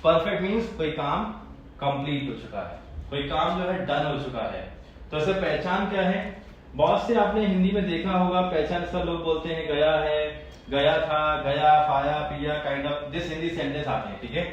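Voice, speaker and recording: A male teacher with an Indian English accent explains grammar, drilling phrases and throwing questions back at the class. His voice sits a little high and is heard from a distance in a very echoey room. The sound is dull and lo-fi, with faint noise behind it. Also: moderate pace. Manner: repeats phrases, quizzes students with questions.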